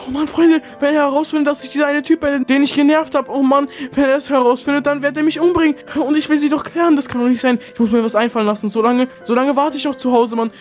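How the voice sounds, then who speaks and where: Jittery high-voiced young youtuber. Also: male voice, fairly even intonation, quick pace, few pauses, faint music behind. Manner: nervous, rambling, many fillers. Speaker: youtuber voicing his game character. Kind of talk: game short-film acting to viewers.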